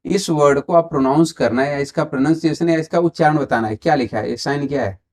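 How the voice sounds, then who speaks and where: A man's voice: fairly high pitch, fast, darkish tone. A man with an Indian accent teaching English grammar online, mixing Hindi and English and quizzing viewers while he waits for their answers. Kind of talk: online exam-prep grammar lesson.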